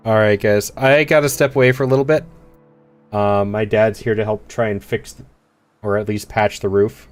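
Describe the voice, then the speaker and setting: A man streaming a game, giving wry, slightly halting commentary. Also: on the low side, fairly even intonation, soft background music. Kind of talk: casual gameplay commentary.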